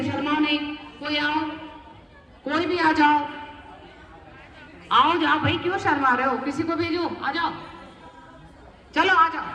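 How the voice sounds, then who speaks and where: A woman's voice: high-pitched, a bit bright. A woman teacher coaching children in a role-play workshop, coaxing and encouraging, often repeating herself. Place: indoor school hall with children. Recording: roomy hall from far off, dull.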